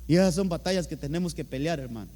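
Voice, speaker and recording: A man with a Honduran accent delivers a sermon from the pulpit in a raised, high voice. He hammers each point by repeating key words and keeps addressing the congregation as brother. His voice rings out with a long reverb through the church hall. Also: racing, dark tone. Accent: Honduran Spanish. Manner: emphatic, repeats words, often says "hermano". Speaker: pastor.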